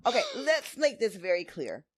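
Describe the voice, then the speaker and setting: A woman's voice: mid-range voice, sing-song, normal speed, no room sound, studio quality. A woman chatting casually as a co-host, giving opinionated recap commentary in a blunt, emphatic, sassy way.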